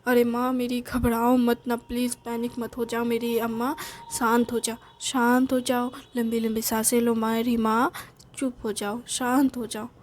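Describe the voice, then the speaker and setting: Woman playing a casual grown son, coaxing, lightly whiny, fairly high voice. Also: little pitch movement, normal speed, slight background noise, natural voice. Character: easygoing grown son, teasing and soothing.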